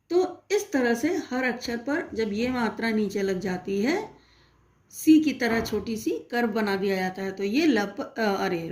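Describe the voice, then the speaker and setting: A woman teacher slowly and patiently explaining a Hindi phonics lesson to young children, asking them questions as she goes. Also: medium pitch, darkish tone. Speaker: primary school teacher.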